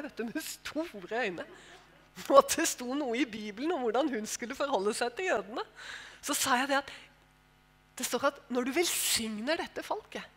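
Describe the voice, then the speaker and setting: A middle-aged woman preacher telling a story in a sermon, acting out the dialogue with lively energy. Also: high voice, slightly rough. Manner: animated storytelling with quoted dialogue.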